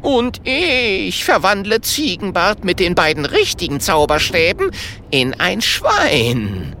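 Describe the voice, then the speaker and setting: A woman's voice: deep voice, wildly swooping pitch, very slow, gravelly, sharp tone, slight background noise, pitched above the performer's own voice, heavily acted. A woman voicing an indignant old male wizard who has been turned into a goat, speaking in a pompous, huffy way. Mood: eager.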